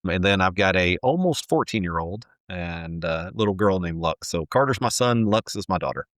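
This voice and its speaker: A man's voice: sits low, expressive, moderate pace, fairly bright tone, no room sound, studio quality. A man, a home builder answering interview questions earnestly, often restarting his sentences. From Texas.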